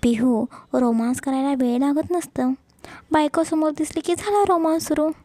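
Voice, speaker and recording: A woman's voice: high voice, fairly even intonation, moderate pace, warm tone, no echo, lightly acted. A woman voicing a playful, doting young husband in a romance story. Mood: teasing. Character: young husband, teasing and affectionate.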